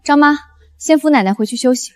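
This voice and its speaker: An actress playing a composed elder sister who speaks in a calm, firm, commanding way. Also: female voice, high voice, quick pace, dry recording, studio quality, lightly acted. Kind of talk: short drama acting.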